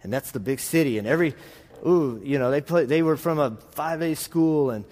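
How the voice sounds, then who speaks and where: A man's voice: a little high, fairly quick, darkish tone. A man with a rural Texas drawl preaching conversationally, in a folksy, rambling, self-deprecating way. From Texas, United States. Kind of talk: conversational sermon with anecdotes. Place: large reverberant room, preaching to a congregation. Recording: reverberant hall sound.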